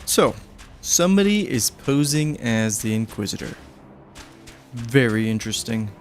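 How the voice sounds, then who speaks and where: A man's voice: mid-range voice, animated, measured pace, faint music behind. A man streaming a game, chatting casually and joking with the characters on screen. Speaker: gaming streamer. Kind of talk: casual gameplay commentary.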